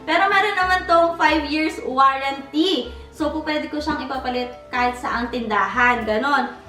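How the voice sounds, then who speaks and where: Chatty, excitable woman vlogger. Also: sits high, normal speed, far from the mic. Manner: chatty, excitable, mixes English into her talk. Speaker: vlogger unboxing a handbag. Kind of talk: casual chat to camera. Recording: roomy, a bit off-mic, soft music behind.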